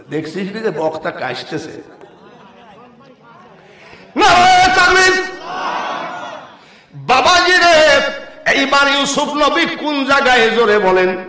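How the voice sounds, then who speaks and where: A high-pitched male preacher tells a sermon story and appeals for donations, dropping into low, dry asides, then rising into loud, sung calls to the listeners. His voice rings with heavy echo, like a loudspeaker. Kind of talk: Islamic waz sermon with storytelling and fundraising.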